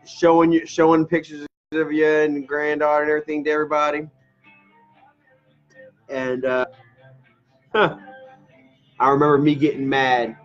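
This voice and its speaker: A man's voice: fairly high pitch, highs cut off. Rambling laughing male live streamer. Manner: rambling, laughs often, swears casually; eating ice cream while talking. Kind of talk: casual live stream chat.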